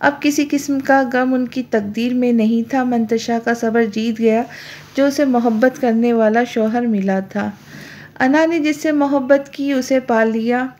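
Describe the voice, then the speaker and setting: Female narrator for a romance novel reading, slightly high pitch, soft mellow tone, one even voice for every character. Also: unhurried. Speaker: novel reader.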